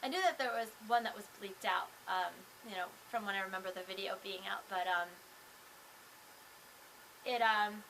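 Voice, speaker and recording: A woman's voice: medium pitch, normal speed, long pauses, a bit bright, a little hiss or hum, rough recording. A young woman chatting casually to camera as a vlogger, rambling with lots of fillers and restarts. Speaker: vlogger and singer.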